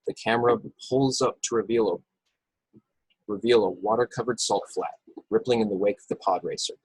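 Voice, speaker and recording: Over a video call from a room, a man reads scripted action descriptions as the narrator of an amateur online table read, in an informal, unpolished way. His voice is on the low side and husky, at a normal pace. The recording has no echo but is low quality.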